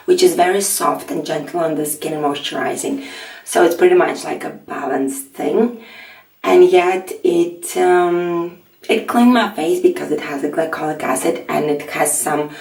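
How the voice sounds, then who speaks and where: A middle-aged woman with a raspy early-morning voice, chatting softly through a skincare tutorial and filling her pauses with "um". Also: low-pitched. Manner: soft-spoken, chatty, with frequent fillers. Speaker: beauty vlogger. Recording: echoey room, mic at a distance.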